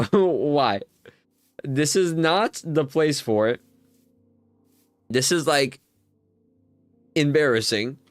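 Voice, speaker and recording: This young Minecraft streamer has a fairly high voice, drawing out words and leaving long pauses as he casually retells a long story, filler-heavy and laughingly exasperated. The recording is dry with faint music behind.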